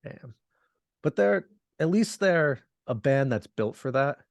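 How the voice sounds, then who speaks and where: A man co-hosting a podcast, chatting in a relaxed, rambling way and laughing often. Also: on the high side, slow, creaky, dry recording, clean studio sound. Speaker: podcast co-host. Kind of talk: casual chat.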